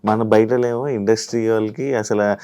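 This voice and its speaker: A man's voice: on the low side, fairly even intonation, normal speed, warm tone, clean tone. A man hosting a casual interview, asking friendly, probing questions. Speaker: interview host.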